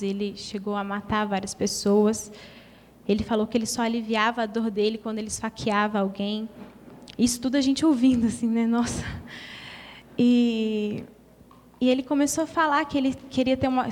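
A woman's voice: on the high side, a little hiss or hum. A Brazilian woman giving an earnest, emotional testimony in a church hall. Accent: Brazilian Portuguese.

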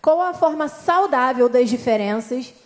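High-voiced woman preaching warmly. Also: lively intonation, a little slow. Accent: Brazilian Portuguese. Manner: friendly, direct address to the audience. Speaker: church speaker. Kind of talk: sermon.

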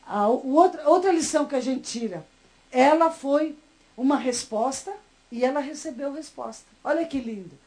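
High-voiced Brazilian woman preaching. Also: moderate pace, rough recording. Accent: Brazilian Portuguese. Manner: emotional, animated storytelling with asides to the congregation. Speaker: missionary preacher. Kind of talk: sermon with storytelling.

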